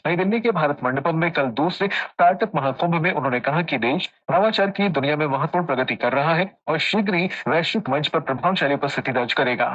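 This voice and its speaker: A man anchors a radio news bulletin in a fairly high voice. His reading is formal, scripted and measured. The broadcast sound is dull and lo-fi. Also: expressive, a bit bright.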